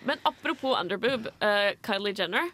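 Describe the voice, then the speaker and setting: A woman's voice: medium pitch, lively intonation, a bit bright, no echo. A young woman hosting a radio show, chatting casually, swearing freely and announcing songs. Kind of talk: casual chat and radio presenting. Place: radio studio.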